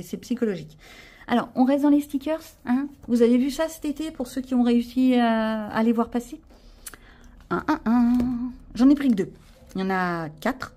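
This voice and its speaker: A woman's voice: a little high, dark tone. A woman with a French accent chatting casually to camera about her sticker and craft haul, self-mocking and full of fillers. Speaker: vlogger showing a craft haul.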